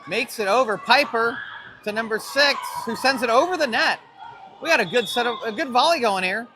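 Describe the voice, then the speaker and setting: An extremely high-pitched, brisk male voice provides chatty, cheerful play-by-play for a high school volleyball stream. He identifies plays by player names and numbers, and the recording carries the noise of the school gym.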